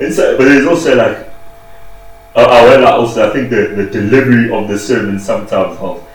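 A man's voice: medium pitch, a little fast. A young man with a South African accent in casual, slangy banter. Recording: echoey room, distant mic, faint noise.

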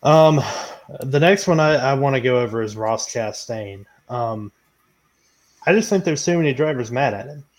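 Man, podcast host, mid pitch, hesitant, measured. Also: expressive. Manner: hesitant, lots of ums. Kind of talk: casual debate moderation.

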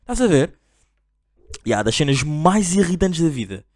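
A man's voice: moderate pace, no room sound, clean studio sound. A young man with a European Portuguese accent, telling a rambling, slangy comic story as a podcast host. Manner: slangy, rambling, animated, mimics shouting parents in a high voice. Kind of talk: casual comedic monologue.

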